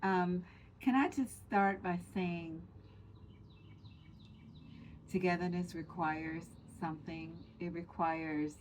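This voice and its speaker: A woman's voice: fairly low pitch, fairly even intonation, unhurried, a little hiss or hum, rough recording. A woman co-hosting a podcast, speaking in an earnest, emphatic way as she lays out points. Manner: earnest and emphatic, building lists. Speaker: podcast co-host. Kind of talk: casual chat.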